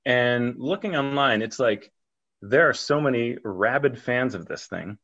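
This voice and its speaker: A man's voice: medium pitch, expressive, measured pace, fairly bright tone, muffled recording. A man chatting casually as a podcast co-host. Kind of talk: casual chat.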